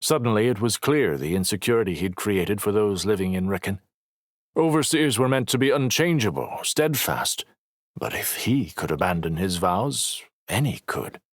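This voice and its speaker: A male audiobook narrator reads in a low voice with a lively, shifting melody. His pacing is measured and storytelling in tone. The recording is dry and close, with no room echo. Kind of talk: scripted narration.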